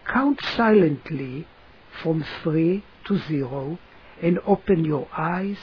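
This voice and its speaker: Guided relaxation narrator, soothing and unhurried, on a dull recording with faint-to-clear background noise. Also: mid-range voice, animated. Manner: soothing, slow-paced instructions with long pauses.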